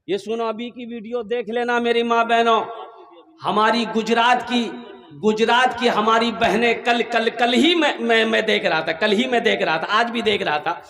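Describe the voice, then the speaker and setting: A man delivers a sermon to a large crowd in a very high, piercing voice. He moves between sing-song chanting and loud, emphatic exhortation, repeating his lines for effect. His voice rings out through an echoing public-address system. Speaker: preacher.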